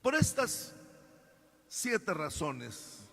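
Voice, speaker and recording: High-voiced pastor preaching. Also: male voice, very animated, vocal fry, a bit bright. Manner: preaching with drawn-out emphasis, calling out aleluya. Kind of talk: sermon. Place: church. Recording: echoey church hall.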